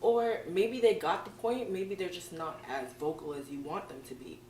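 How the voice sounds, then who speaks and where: A blunt, teasing woman co-hosting a casual podcast who laughs easily, with a mid-range pitch. She sounds distant from the mic in a roomy space with a faint hum. Her talk is loose and frank. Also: normal speed, darkish tone. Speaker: podcast co-host.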